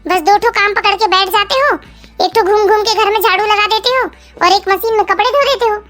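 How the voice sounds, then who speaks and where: A woman's voice: extremely high pitch, fairly even intonation, brisk, a bit bright, faint music behind. A woman voicing a defiant, quarrelsome young daughter-in-law in a cartoon family drama.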